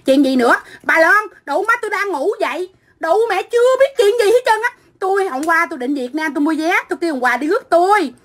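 Foul-mouthed woman ranting, high bright voice. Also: animated, fast. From Vietnam. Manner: profane, combative, shouting insults. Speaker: livestreamer. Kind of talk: angry livestream rant.

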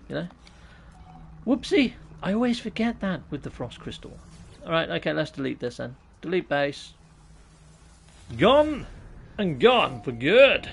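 A British man in his thirties, his voice on the high side, a bit bright and touched with vocal fry, live-streams a game and chats casually with viewers. He jokes around and pokes fun at himself. He's in a small room at home, speaking into a USB mic perched on his laptop.

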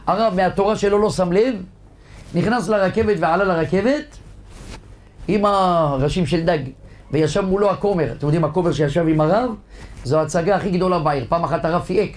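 A male rabbi giving a humorous sermon, telling jokes and stories to his congregation. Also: high voice. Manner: lively joke-telling storyteller addressing a congregation.

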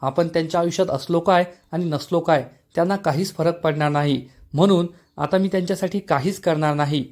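A man reading the lines of a gentle young wife who pleads softly. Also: on the high side, a little fast, lightly acted. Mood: sad. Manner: soft, pleading.

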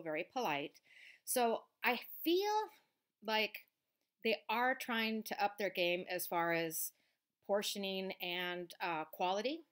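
A middle-aged woman vlogging from her couch, reviewing a restaurant meal in a rambling, chatty way with plenty of fillers, recorded on a webcam mic. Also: lowish voice. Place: living room, seated on a couch indoors.

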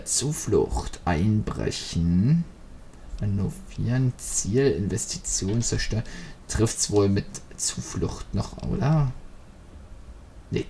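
Slow, gravelly Let's Play man. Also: fairly low pitch, very animated, dark tone, slight background noise. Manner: rambling, jokey free association. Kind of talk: joking gameplay commentary.

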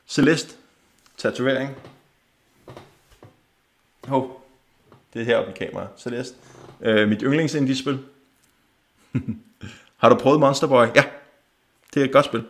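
A young man giving quick, offhand verdicts and chuckling often while chatting casually on a livestream. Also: mid-range voice, gravelly. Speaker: gaming channel host.

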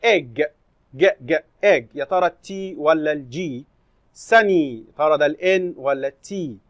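A man with an Egyptian Arabic accent, teaching a lesson and reading English slowly before explaining it in Arabic. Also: a little high, fairly bright tone, no echo. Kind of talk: recorded classroom lesson explanation.

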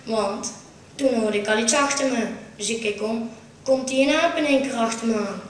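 A woman's voice: a little high, normal speed, slight background noise. A woman with a Brabant Dutch accent performing a comic stage monologue at a carnival show, telling a story full of punchlines. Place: small theatre stage. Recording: roomy, distant amateur stage recording.

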